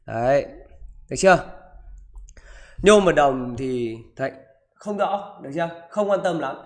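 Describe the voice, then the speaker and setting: A man teaching physics, talking students through exam questions in a live online class and checking in with them after almost every sentence. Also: fairly high pitch. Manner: keeps asking "được chưa?" and "đúng không?".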